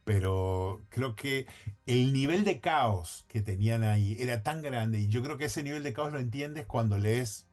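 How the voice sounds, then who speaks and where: A man on a podcast speaks at a mid-range pitch, working out his thoughts aloud. He hedges often and keeps breaking off to restart and correct himself. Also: measured pace, darkish tone, soft background music. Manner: thinks aloud, frequent restarts and self-corrections; hedging, conversational. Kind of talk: casual podcast conversation.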